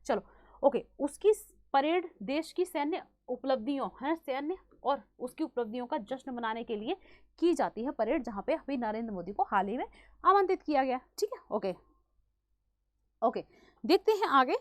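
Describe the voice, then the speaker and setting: Brief: woman exam-prep teacher, Hindi accent, sore throat, rapid quizzing delivery, high voice. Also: lively intonation, no echo. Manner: fast-talking, quizzing students with repeated questions and fillers. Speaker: current affairs teacher.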